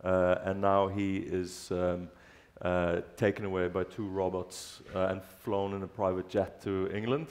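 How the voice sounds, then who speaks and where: A Norwegian author with a Norwegian accent, speaking haltingly with many fillers at a festival talk. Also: male voice, sits low, level tone, a little mellow. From Norway.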